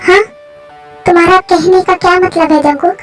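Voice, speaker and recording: A woman's voice: very high voice, fairly even intonation, moderate pace, faint music behind. A woman voicing a frightened, stubborn young woman in a fan story, refusing and anxious by turns.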